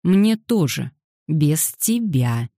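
A woman's voice: deep voice, very animated, drawn-out words, warm tone, no room sound, studio quality, full character voice. A woman reading an audiobook voices an impatient boy who snaps and growls at his little sister with sarcasm. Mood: snappish. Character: boy, impatient and grumpy older brother.

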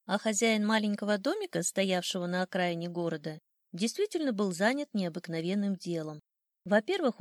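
Lively expressive woman storyteller. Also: medium pitch, dry recording, studio quality. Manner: expressive, lilting reading. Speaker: narrator. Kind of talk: storybook narration.

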